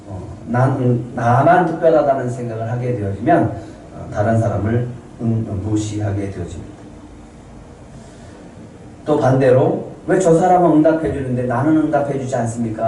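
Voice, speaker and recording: A male pastor delivers a Sunday sermon, often posing questions to the congregation and then answering them. His voice is mellow and dark. It sounds distant and roomy, as though picked up from across a very echoey church sanctuary. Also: mid-range voice, a little hiss or hum. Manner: acts out quoted people in a raised voice. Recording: very echoey room, voice from off the mic.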